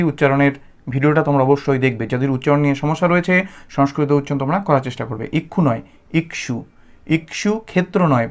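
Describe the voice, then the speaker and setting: বাংলা টানের এক পুরুষ শিক্ষক, ক্লাস-লেকচারের ঢঙে ধৈর্য ধরে বোঝাচ্ছেন, শব্দ ভেঙে ভেঙে ধীরে বারবার বলছেন।. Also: male voice, on the high side. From Bengal, India. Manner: patient, repeats and breaks words apart slowly. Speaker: Sanskrit teacher. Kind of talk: explanatory class lecture.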